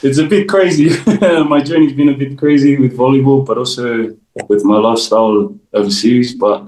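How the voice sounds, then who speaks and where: A man's voice: mid-range voice, fairly even intonation, normal speed, darkish tone, echoey room, low-quality recording. A young man from New Zealand, raised in Australia, answering interview questions at home in an easygoing way, laughing often between sentences. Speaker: guest, volleyball player. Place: room at home.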